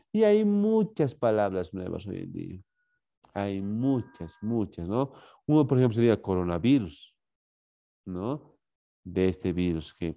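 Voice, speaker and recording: A man's voice: lowish voice, highs cut off. A man with a Bolivian Spanish accent giving a classroom lecture, tagging lines with "¿no?" and "muy bien". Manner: repeats "¿no?" and "muy bien" as tags; addresses students as "señores". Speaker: teacher.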